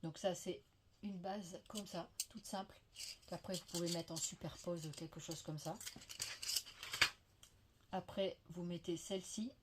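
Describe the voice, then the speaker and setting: A French woman unhurriedly walks through a casual crafting haul, gushing and chatting with many fillers and pausing often. Her lowish voice holds a steady tone and sounds slightly veiled from a lingering cough. The recording is very noisy, with a faint clatter of dishes.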